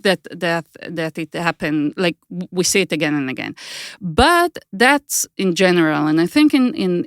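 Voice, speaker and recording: A middle-aged author with an Israeli accent, a native Hebrew speaker, answers interview questions as a guest, thoughtful and searching for her words. Her voice is mid-range and the recording dry, studio quality.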